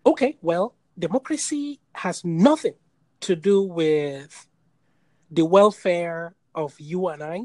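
A man's voice: sits high, takes it slowly, darkish tone, dry recording. A man from Nigeria hosting a casual call-in discussion, stating his views bluntly and repeating his points. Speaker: podcast host. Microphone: phone or video call.

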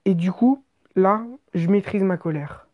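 A woman narrating an exaggerated comic story in an animated, slangy way, with swearing. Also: medium pitch, unhurried, highs cut off.

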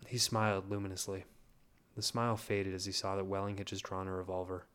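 A man reads a story aloud in a measured, plain voice. His tone is low and stays fairly flat. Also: smooth. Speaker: narrator. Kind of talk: story reading.

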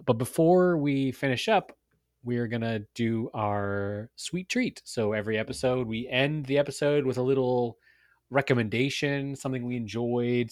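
A man's voice: medium pitch, fairly bright tone, no echo, studio quality. A man co-hosting a casual movie podcast, easygoing and hesitant, with many ums and uhs. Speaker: podcast co-host.

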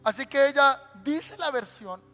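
A man's voice: extremely high pitch, animated, unhurried, sharp tone. A male pastor from Colombia preaching an emphatic sermon and calling for amens from the congregation. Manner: emphatic preaching, calls for amen. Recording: long church reverb, faint music.

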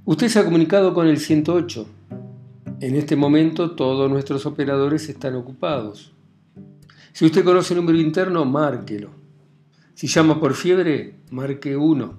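A man's voice: on the high side, normal speed, a little mellow, faint music behind, lightly acted. A man imitating an automated phone menu recording, listing the options in a clipped, rhythmic way. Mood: mechanical.

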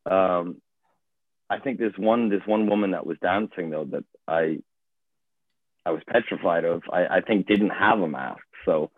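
A man's voice: sits low, unhurried, no room sound. A man in his twenties, born in Hong Kong, talking casually as a guest actor, hesitant and thoughtful with many fillers and restarts. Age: 20s. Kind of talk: casual conversation. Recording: tinny phone-like call audio.

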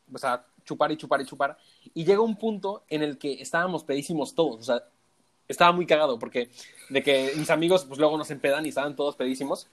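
A young man with a Mexican Spanish accent, hosting a podcast in casual chat and laughing often as he tells stories. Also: on the high side. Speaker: podcast host.

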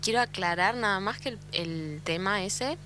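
A woman's voice: mid-range voice, moderate pace, pushed and bright, slight background noise. A woman with an Argentine accent chatting casually as co-host of a radio show. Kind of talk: casual chat.

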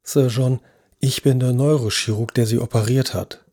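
A narrator doing a calm, soft-spoken surgeon. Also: male voice, medium pitch, moderate pace, no echo, clean studio sound, lightly acted. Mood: soothing. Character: calm, patient male neurosurgeon. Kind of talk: audio drama acting.

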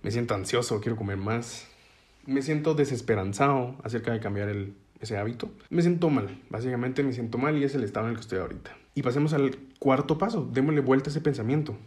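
A man talking listeners through a self-help method step by step in a relaxed, conversational way. He keeps asking whether they are following him, and he explains the ideas through simple images from daily life. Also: medium pitch, fast talker. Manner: conversational, checks in with listeners with frequent "ok?"; uses metaphors to explain ideas. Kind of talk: casual explanatory talk to an audience.

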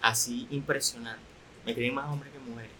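A young man with a Venezuelan accent, a content creator guest, talking candidly in a relaxed, soft-spoken way. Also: mid-range voice, fairly quick, slight background noise, poor audio. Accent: Venezuelan Spanish. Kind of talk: casual podcast interview.

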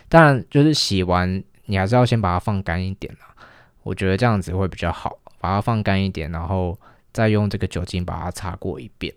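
A young man telling a casual, lively story, acting out the lines of the people in it. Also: deep voice, fairly quick, clear, resonant tone, dry recording, studio quality. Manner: chatty, animated retelling with quoted dialogue.

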